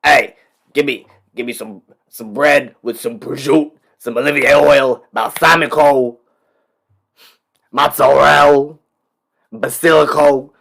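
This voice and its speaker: A man's voice: medium pitch, fairly even intonation, slow, vocal fry, fairly bright tone, pitched above the performer's own voice, full character voice. A man putting on the voice of a swaggering Italian American New Yorker who orders deli food with exaggerated, showy pronunciation. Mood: boastful.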